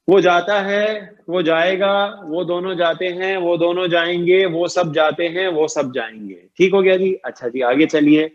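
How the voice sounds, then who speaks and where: A man's voice: fairly high pitch, highs cut off. A man teaching an Arabic grammar lesson online, patiently repeating each point and often checking that his students follow.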